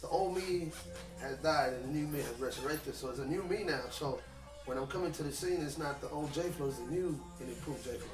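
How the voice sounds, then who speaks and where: Chatting casually in an interview, this rapper tears through his story quickly, with a loose, emphatic delivery packed with slang and profanity. He's pitched somewhat high for a man and comes across echoey, set well back from the microphone while music plays audibly in the background.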